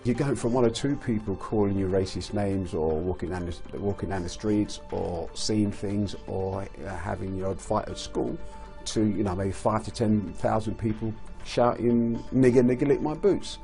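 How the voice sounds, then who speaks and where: Mellow-voiced man speaking frankly. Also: on the low side, normal speed, creaky, hardly any pauses, soft background music. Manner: frank, with frequent hesitations. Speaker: former footballer. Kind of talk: documentary interview.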